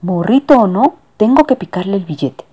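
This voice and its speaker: A dutiful storybook train ticket inspector, formal and businesslike. A woman puts him on with an animated, lively delivery. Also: mid-range voice, moderate pace, slightly rough.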